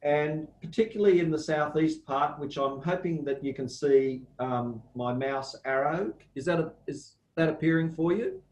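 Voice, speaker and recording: A man with an Australian accent giving a slow, measured guest lecture over a video call, pausing often with ums. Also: a little high, darkish tone, echoey room, poor audio. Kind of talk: online academic lecture.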